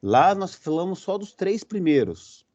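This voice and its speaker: Lecturing at a university in a recorded session, this Brazilian-accented man walks through material step by step, frequently checking in with students using short fillers. His voice sits high and sing-song with a darkish tone, and he's unhurried. The sound is lo-fi.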